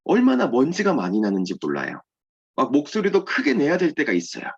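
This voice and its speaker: Male children's pastor, animated and clear, simple explanations, muffled lo-fi recording. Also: fairly high pitch, brisk. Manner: simple, explanatory, asks and answers own questions. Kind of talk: children's sermon. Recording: dull lo-fi sound.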